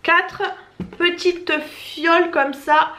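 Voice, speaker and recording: A young woman with a Marseille accent rambles cheerfully through a home vlog, correcting her own slips as she goes. Her voice sits high. The room is echoey, with a faint hum of noise behind her. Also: fairly even intonation, very slow, pushed and bright. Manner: chatty, rambling, self-correcting. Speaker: family vlogger. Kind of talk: casual unboxing chat to camera.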